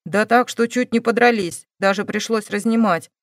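Woman doing a stubborn young woman, clipped denials, loud, dry sound. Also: a little high, moderate pace, dry recording, close to an everyday voice. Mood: defiant. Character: defiant, sullen young woman under questioning.

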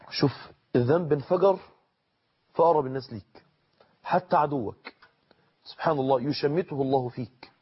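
Egyptian male preacher, high husky voice, earnest, repeats lines, dull recording. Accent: Egyptian Arabic. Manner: earnest, repeats phrases for emphasis, slows for quotations. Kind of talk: Egyptian colloquial sermon.

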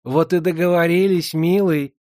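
A man's voice: high-pitched, expressive, measured pace, no echo, studio quality, pitched above the performer's own voice, full character voice. A man voicing an old female moneylender who talks in a sly, honeyed way. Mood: pleased. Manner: honeyed, wheedling.

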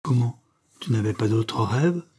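A man voicing a worried, resigned middle-aged mother in a storybook reading, asking gentle questions in a slightly raised voice. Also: mid-range voice, expressive, a little slow, breathy edge.

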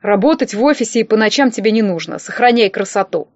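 A woman reading an audiobook and voicing a blunt, bossy older rich man who gives gruff, mocking orders. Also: mid-range voice, lively intonation, fast, no echo, lo-fi sound, close to an everyday voice.

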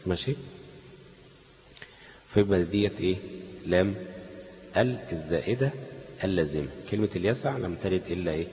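A man's voice: low voice, expressive, a little fast, pauses often, a little mellow, big-room sound, low-quality recording. A man with an Egyptian Arabic accent teaching a class on Quran recitation, asking leading questions that the students finish.

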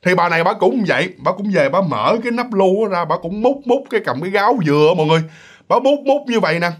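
Brief: man, casual ghost-story teller, chatty, with a fairly high, very lively voice. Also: fast talker. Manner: chatty, addresses listeners directly.

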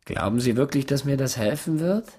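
An actor playing a stern, pompous professor with stiff, formal speech in old film style. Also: male voice, medium pitch, lively intonation, brisk, warm tone, a little hiss or hum, close to an everyday voice. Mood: subdued, dazed. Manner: stiff, formal, indignant, stammers repeating words when enraged. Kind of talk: early sound film acting.

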